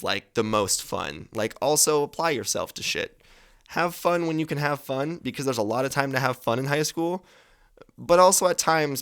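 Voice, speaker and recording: A man's voice: mid-range voice, a bit bright, smooth. A man in his twenties hosting a podcast, giving advice in a casual, rambling monologue, swearing freely and correcting himself as he goes. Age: 20s. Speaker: podcast host.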